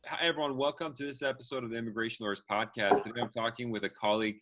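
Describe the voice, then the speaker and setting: A male podcast host chats casually in a rambling way. His voice is bright and forceful, with a middle pitch. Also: fairly even intonation, racing, soft background music. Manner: chatty, rambling. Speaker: podcast host, immigration lawyer. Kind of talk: casual interview talk.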